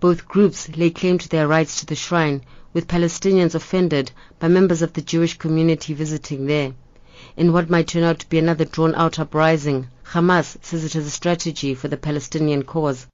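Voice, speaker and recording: A woman's voice: sits low, steady tone, a little fast, darkish tone, no room sound, muffled recording. A woman narrating a scripted news report.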